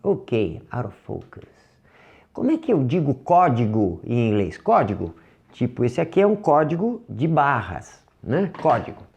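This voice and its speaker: A man with a Brazilian Portuguese accent teaching English vocabulary in a recorded lesson, patiently drilling each word and slowing down to model how it sounds. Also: medium pitch, sing-song, a little mellow, lo-fi sound. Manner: patient, drills words, slows down to model pronunciation.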